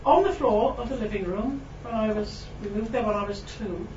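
Her voice is mid-range and a little mellow: a poet from Wales giving a reading in a spacious hall before an audience. She chats in self-deprecating asides peppered with ums and laughter, and draws the poems out slowly when she reads them. Captured from a distance, the sound is echoey, muffled and noisy.

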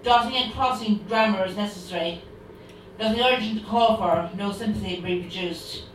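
A woman reciting her own poem in a steady, declamatory way. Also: mid-range voice, normal speed, a little hiss or hum. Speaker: poet reading her work. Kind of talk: poetry reading. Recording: distant, very echoey room.

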